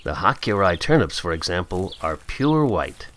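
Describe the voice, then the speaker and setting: Deep-voiced male voice-over, calm and lively. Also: normal speed, a little hiss or hum. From Canada. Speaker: narrator. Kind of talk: scripted promotional voice-over.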